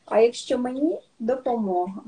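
A high-pitched Ukrainian woman with a soft, breathy voice. She teaches signs patiently in a casual chat, pausing often with fillers and restarts. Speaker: sign language teacher, guest.

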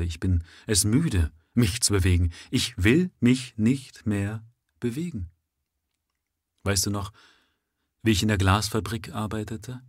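A man voicing an exhausted young factory worker who speaks softly, calmly and without passion. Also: lowish voice, husky, no echo, clean studio sound. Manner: calm, soft and passionless.

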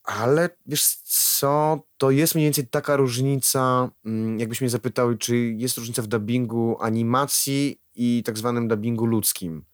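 A man's voice: mid-range voice, measured pace, hardly any pauses, no echo, studio quality. A man who works as a voice actor, talking casually in an interview, rambling and acting out quoted lines. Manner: animated, rambling, acts out quotes. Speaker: voice actor guest.

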